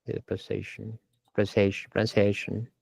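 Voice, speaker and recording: Low-voiced man teaching pronunciation. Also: monotone, fairly quick, gravelly, darkish tone, breathy edge, no room sound. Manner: hesitant, repeats words to model pronunciation. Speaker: English teacher. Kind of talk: online language lesson.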